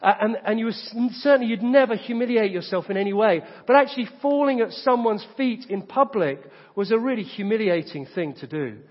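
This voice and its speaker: A man's voice: sits high, expressive, a little fast, hardly any pauses, in a large hall, muffled recording. A man preaching a sermon, retelling a story with rhetorical questions. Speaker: pastor.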